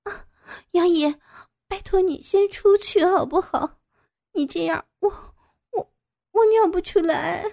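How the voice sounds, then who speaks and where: A woman voicing a frightened captive teacher who stammers out high, tearful pleas. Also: measured pace, creaky, pauses often, dark tone, full character voice. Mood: pleading, tearful.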